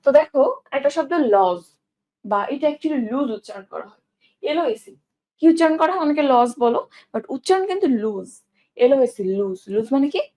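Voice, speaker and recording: A woman's voice: high voice, animated, fairly quick, dark tone. A young woman teaching an online English class, asking questions and answering them herself as she drills word forms.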